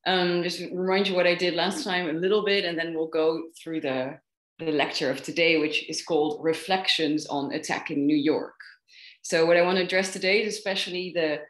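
A woman historian giving a measured academic lecture over a group video call. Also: fairly low pitch, fairly even intonation, roomy sound. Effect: voice heard through a group video call. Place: at home in France.

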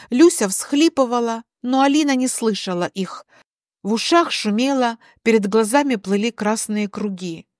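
A woman reading a scripted story aloud in a measured way. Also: on the high side, dry recording, studio quality. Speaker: narrator.

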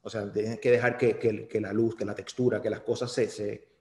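A man's voice: lowish voice, level tone, normal speed, dark tone. A Puerto Rican man in his forties, a photographer being interviewed, speaking reflectively with many restarts and repeated words. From Puerto Rico. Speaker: photographer guest. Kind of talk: casual interview. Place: small studio room. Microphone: desk mic. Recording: echoey room with long reverb.

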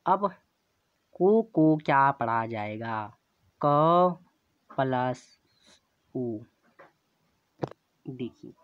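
Man teaching letters super slow, spells each sound out, dull lo-fi audio. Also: mid-range voice, no echo. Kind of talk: slow classroom explanation.

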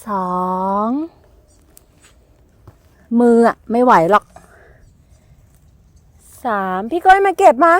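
Thai woman, young adult, outdoor foraging vlog, excited exclamations, high lively voice. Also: extremely slow, long pauses, dry recording. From Thailand. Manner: excited exclamations, counting finds aloud. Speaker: vlogger. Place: forest outdoors.

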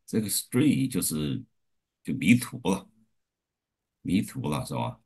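A man's voice: low-pitched, sing-song, takes it slowly, a little mellow, breathy edge. A man in a class reading verses aloud and asking careful, earnest questions about word meanings. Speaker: student.

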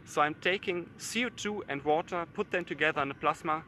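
Bright-voiced young man from Germany. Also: fairly high pitch, brisk, a little hiss or hum. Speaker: PhD researcher. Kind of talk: casual self-introduction. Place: outdoors on a campus lawn.

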